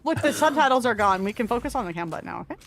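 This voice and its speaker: A woman's voice: on the high side, expressive, very fast, background noise. A woman streaming, reacting to a game developer stream with chatty, playful commentary and frequent laughter.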